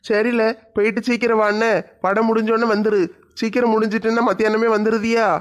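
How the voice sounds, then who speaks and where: A man's voice: high-pitched, little pitch movement, brisk, close to an everyday voice. A man playing a blunt male coworker who chides and teases. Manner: chiding, teasing.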